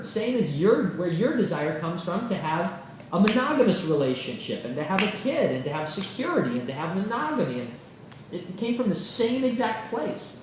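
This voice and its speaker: Animated man lecturing in an echoey room. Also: high voice, slight background noise. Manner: animated, acts out quoted voices, swears casually. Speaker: yoga teacher. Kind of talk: informal lecture to a class. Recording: roomy echo from a far mic.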